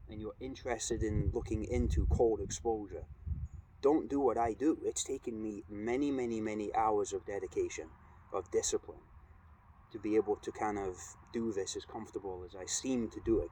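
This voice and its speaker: A middle-aged man talking casually and reflectively in a vlog, with an earnest, measured, halting delivery. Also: low-quality recording. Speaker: cold exposure vlogger. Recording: steady background noise, ambient rumble.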